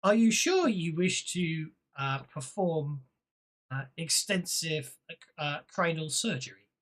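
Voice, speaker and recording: Glitching robot scanner voice, repeats error messages, game master putting it on, tabletop game, mid pitch. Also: expressive, slow, fairly bright tone. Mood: prompting. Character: malfunctioning ship med scanner, flat error voice. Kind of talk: voicing a device in a tabletop game.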